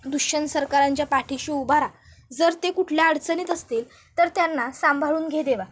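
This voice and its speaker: A woman's voice: sits high, a little fast, close to an everyday voice. A woman doing a pleading young village wife. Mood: praying. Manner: pleading, urgent.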